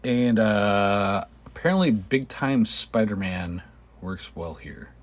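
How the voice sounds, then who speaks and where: A man giving casual gameplay commentary, halting and thinking aloud, with a cough and frequent throat clearing. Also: lowish voice, lively intonation, dull audio. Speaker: gamer narrating own gameplay video.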